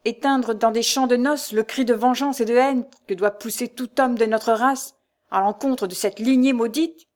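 A woman's voice: medium pitch, moderate pace, a little mellow, natural voice. Woman voicing a furious proud old baron. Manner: vehement, commanding.

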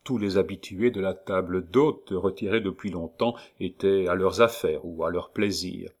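Male audiobook narrator, lowish voice, measured and unhurried. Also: darkish tone. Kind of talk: scripted narration of a classic novel.

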